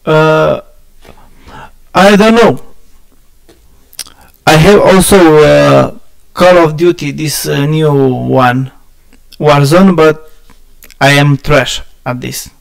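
His voice a little high and gravelly yet clean in tone, a Romanian streamer with a Romanian accent chats with viewers over a rough recording. He stumbles and searches for words while repeatedly laughing at himself.

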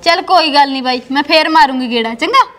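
An actress playing a worried, caring married sister. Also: female voice, sits high, fast talker, a bit bright. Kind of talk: village family drama acting.

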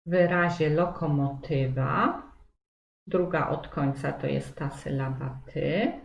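Female teacher, low voice, unhurried delivery that repeats its points; echoey room with faint hiss. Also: gravelly, muffled recording. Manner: slow and explanatory, repeats key points, many fillers. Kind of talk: pronunciation lesson.

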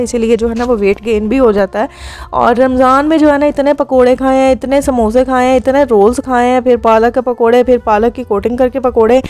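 A woman's voice: fairly high pitch, darkish tone. A young woman, a vlogger narrating her day in a casual, chatty voice-over full of filler phrases. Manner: chatty, many filler phrases, talks fast.

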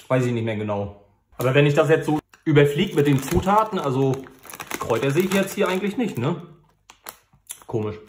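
A man hosting a casual, unscripted food review in an informal, matter-of-fact way. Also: fairly high pitch. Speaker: host of a food review channel. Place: indoor room. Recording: echoey, reverberant room.

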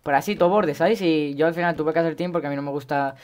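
A teenage boy with a Spain Spanish accent, rambling chattily through gameplay commentary and breaking into sudden high yelps. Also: fast. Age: teens. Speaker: gaming YouTuber.

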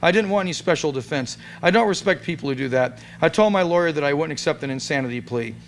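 A man giving a dramatic reading of a comic story at a gathering in a restaurant, in a deadpan, amused tone. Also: a little high, fast talker, slight background noise. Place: restaurant event room.

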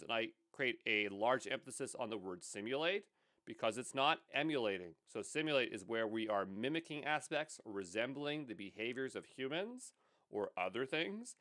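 A man's voice: medium pitch, pushed and bright, no echo, clean studio sound. A man who works as a course instructor, explaining concepts over slides in a casual lecture with offhand asides and filler words.

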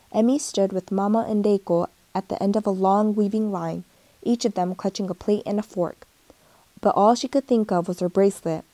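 A woman reads a picture book aloud in a gentle storytelling way, lightly giving each character a voice of their own. Her pitch sits in the middle, and the recording is close and dry. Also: no echo. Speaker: storybook reader.

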